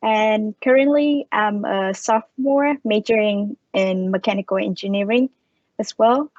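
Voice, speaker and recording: A young woman introduces herself in simple, slightly broken English. Her voice is mid-pitched and close. The sound is dry and a bit dull. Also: unhurried, darkish tone, no echo. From Vietnam. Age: young adult. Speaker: engineering student ambassador. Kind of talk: self-introduction on a panel.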